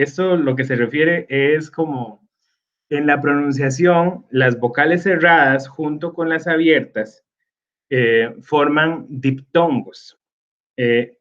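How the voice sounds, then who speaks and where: A man, teaching a recorded slide lesson slowly and filling pauses with hesitations. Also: on the high side, fairly bright tone, highs cut off. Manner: slow, with many fillers like "este" and "eh".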